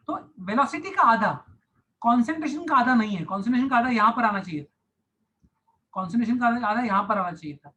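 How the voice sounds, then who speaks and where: Male science tutor, online lecture, bright and crisp tone, repetitive step-by-step explaining. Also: very high voice, poor audio. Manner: repeats key phrases, mixes English terms into Hindi. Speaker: science teacher.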